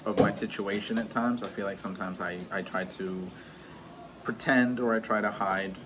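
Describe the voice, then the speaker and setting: A man in his thirties with a lowish voice speaks haltingly, full of pauses and restarts, as he opens up in a personal vlog. The audio is dull and lo-fi, with steady noise underneath. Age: 30s. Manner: hesitant, halting, many restarts and fillers. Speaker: vlogger. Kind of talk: candid personal vlog talk. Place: home in Mexico.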